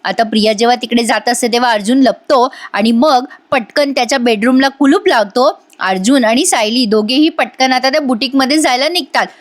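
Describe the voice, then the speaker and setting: Woman, voice-over recap, chatty, storytelling, talks to viewers, high voice. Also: fairly quick, few pauses, dry recording. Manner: chatty, addresses viewers directly. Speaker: serial review narrator.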